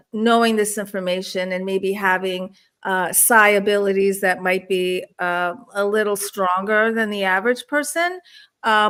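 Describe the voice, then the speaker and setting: A woman born in Istanbul, Turkey, who grew up in the Washington DC area, appears as an interview guest, a spiritual counselor and experiencer, telling personal stories conversationally. Her voice is medium-pitched and fairly bright, and she clears her throat often.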